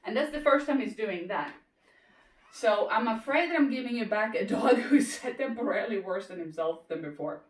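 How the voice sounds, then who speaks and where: A woman's voice: on the high side, expressive, moderate pace. A woman dog trainer talking casually through a training session, explaining while breaking off to praise and cue the dog. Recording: roomy, distant mic, faint noise.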